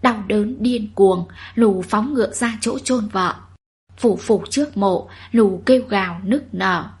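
Very breathy woman narrating a story. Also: mid-range voice, slow. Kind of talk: scripted narration.

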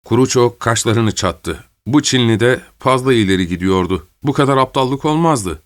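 A man calmly reading a story aloud as narrator, in a measured way. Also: mid-range voice, dry recording, clean studio sound.

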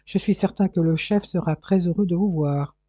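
A gruff, irritable police inspector who grumbles and sneers at his English colleague, read by a male narrator. The voice is dark and somewhat husky. The audiobook is recorded dry and close. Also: high voice, moderate pace, no room sound. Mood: pointed. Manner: grumbling, sardonic.

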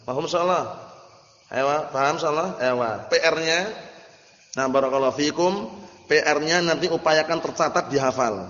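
A man's voice: a little high, normal speed, pauses often, a bit bright. A male Arabic teacher with an Indonesian accent, running a classroom lesson and drilling his students with repeated questions. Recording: roomy muffled hall recording.

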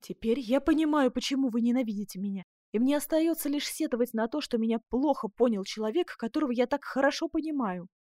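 A woman's voice: medium pitch, normal speed, darkish tone, no echo, close to an everyday voice. A woman voicing a passionate noble duchess with a melodious, pleading voice, in a dry close recording. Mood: exclaiming.

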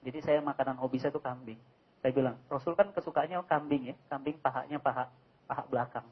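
A man, giving a lively sermon full of jokes and rhetorical questions. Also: mid-range voice, fast talker, breathy edge. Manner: animated, joking, asks rhetorical questions. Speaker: preacher. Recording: dull lo-fi recording.

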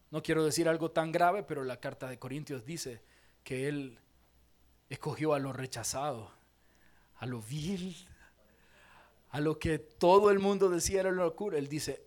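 A man preaching a sermon, with a voice that sits high for a man. He is animated and playful, slipping into little acted-out scenes and putting questions straight to his congregation. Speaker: pastor.

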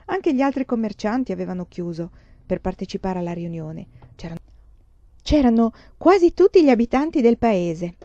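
A woman narrates a novel aloud in a slow, calm, expressive way. Her voice is warm and mellow. The recording is dry, close and somewhat dull. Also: mid-range voice, no echo. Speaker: audiobook reader. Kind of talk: scripted narration.

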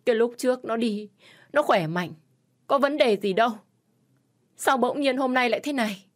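A woman's voice: a little high, moderate pace, voice pushed up, lightly acted. A woman voicing a distraught middle-aged mother pleading over her son in an audio story, wailing and pleading. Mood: anguished.

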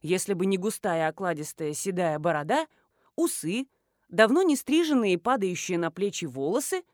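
Expressive woman reading a novel aloud. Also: on the low side, normal speed, no echo, clean studio sound. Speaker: audiobook narrator. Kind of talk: scripted narration.

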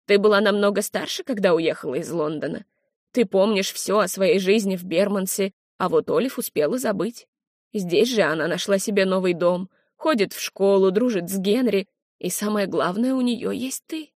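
A woman voicing a wise, gentle older mentor who speaks calmly and reassuringly. The sound is dry and close, as in an audiobook. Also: medium pitch, moderate pace, no echo, natural voice.

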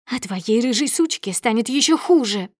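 A woman voicing a shrill, furious young wife. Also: lively intonation, normal speed, darkish tone, no room sound, studio quality. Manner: shrieking, hissing threats. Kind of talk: audiobook character voice.

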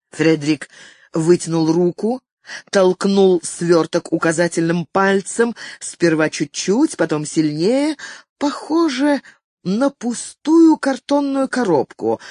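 A narrator delivers a novel in an unhurried, deliberate audiobook reading. The pitch rises and falls in lively arcs, and the voice sits close and dry with no room around it. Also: no room sound. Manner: slow, measured, expressive reading.

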